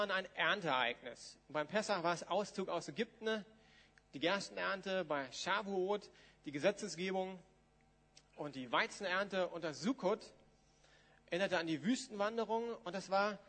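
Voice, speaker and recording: A man's voice: sits high, fairly bright tone. A man, preaching informally to a congregation and reading scripture aloud in a church hall. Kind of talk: sermon with Bible reading. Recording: long hall reverb.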